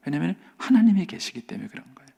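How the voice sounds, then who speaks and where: A middle-aged male pastor preaching a dawn service sermon in a church, earnest, often sinking to a soft near-whisper to stress a point. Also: a little high, sing-song, very fast, creaky. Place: church sanctuary.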